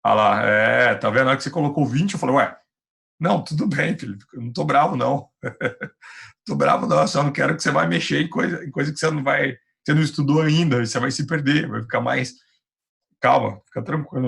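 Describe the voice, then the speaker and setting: A man's voice: on the high side, fast talker, gravelly, fairly bright tone. A male physics teacher with a Brazilian Portuguese accent, giving an online class in a patient, reassuring, chatty way over a computer mic.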